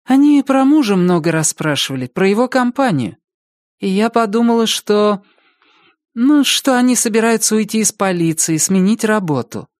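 Wary, defensive woman voiced by a male reader; lively pitch, dry close sound. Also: normal speed, no echo. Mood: guarded, doubtful. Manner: doubtful, defensive, raised voice. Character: wary middle-aged woman, widow of sorts, guarded. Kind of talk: audiobook character voice.

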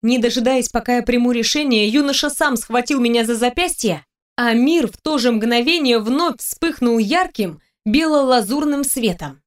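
A woman's voice: a little high, normal speed. Woman narrating a fantasy audiobook. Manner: expressive storytelling, with the heroine's lines read in her own voice.

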